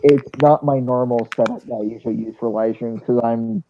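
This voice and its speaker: A man's voice: mid-range voice, steady tone, fairly quick, noisy background. A man on a group voice chat, sounding muffled as if through a wall, talking casually and joking about himself through cheap earbuds while lying down at home. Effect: muffled, as if heard through a wall. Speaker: streamer on a group call. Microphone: cheap earbuds with built-in mic.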